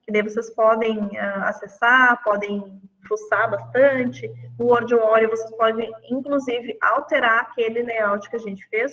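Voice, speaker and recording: A woman's voice: on the high side, a bit bright, long reverb tail, far from the mic, lo-fi sound. A woman teacher, walking colleagues through classroom games in an online lesson, chatty and full of fillers. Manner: chatty, demonstrates games on screen with many fillers.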